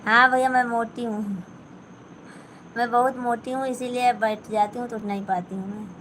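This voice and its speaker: A woman with an Awadhi-tinged Hindi accent hosts a relaxed live stream from home, sewing as she reads viewers' comments aloud and answers each in turn. Her voice is fairly high and fairly bright, with fairly even intonation and a normal pace. The audio is poor, with a little hiss or hum.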